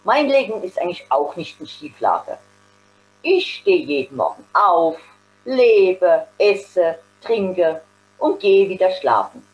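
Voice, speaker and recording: A woman's voice: lowish voice, very animated, slow, rough recording. A woman reading aloud voices a defensive, musing jobless man in a story.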